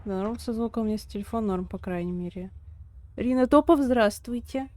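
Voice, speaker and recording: Female live streamer, higher-pitched, casual chatty delivery, reacting to gameplay. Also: brisk, dark tone, no room sound. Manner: informal, chatty, reacting as she plays. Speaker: game streamer. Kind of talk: casual live-stream chat while gaming.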